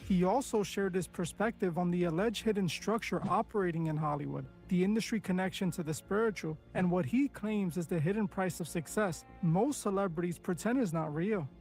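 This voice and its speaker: Male narrator, high voice, scripted and dramatic, faint background music. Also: a little mellow. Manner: dramatic, teasing build-up. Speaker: commentary channel narrator.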